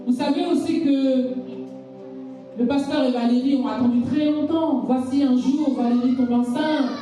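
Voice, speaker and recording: In an echoey church hall, captured from far away with faint music, a woman preacher shares her story as a personal testimony within her sermon, repeating points emphatically. She speaks at a normal speed in a high, steady, mellow voice.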